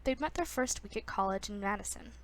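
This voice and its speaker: Girl reading a book out loud, lots of restarts and little asides, faint hiss. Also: mid-range voice, animated, a little fast. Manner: self-conscious chatty asides; frequent restarts. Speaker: reader. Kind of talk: casual audiobook reading.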